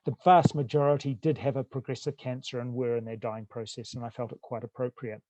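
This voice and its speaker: A man's voice: mid-range voice, level tone, brisk, dark tone, dry recording. A middle-aged man, a rural family doctor from New Zealand, speaking frankly and thoughtfully in a webinar over a video call. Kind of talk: webinar talk.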